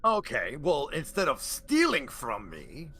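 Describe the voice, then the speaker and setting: A man's voice: on the high side, wildly swooping pitch, a little slow, sharp tone. A man playing a tabletop game, playful and joking. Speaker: player. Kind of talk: tabletop role-play chat.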